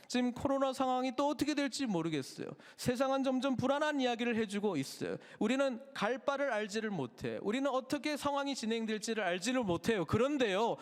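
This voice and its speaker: A male pastor preaches a Sunday sermon in a high, lively voice that rises and falls widely. He keeps turning to the congregation with questions. A long reverb trails off through the church. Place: church sanctuary.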